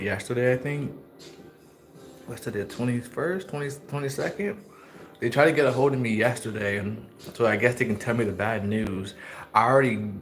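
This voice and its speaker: A man vlogging a casual mukbang, rambling on as he eats and talking with his mouth full. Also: fairly low pitch. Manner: rambling, chats while chewing.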